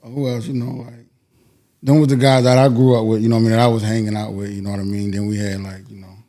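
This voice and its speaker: A man's voice: fairly low pitch, little pitch movement, fast talker, warm tone. A man from New York and Georgia chatting casually as an interview guest, slangy, often adding you know what I mean. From New York, then Georgia from about age eleven. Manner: slangy, often tags phrases with 'you know what I mean'. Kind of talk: casual street-talk chat.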